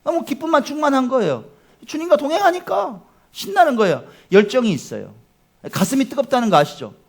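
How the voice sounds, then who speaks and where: A man's voice: very high voice, sing-song, fairly quick. A male pastor preaching a sermon, exhorting the congregation with emphatic rhetorical questions.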